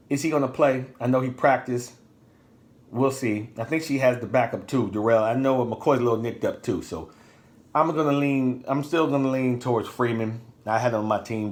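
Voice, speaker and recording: A man's voice: medium pitch, a little mellow. A man hosting a podcast, giving casual fantasy football predictions in loose slang and thinking aloud with ums and uhs. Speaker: podcast host.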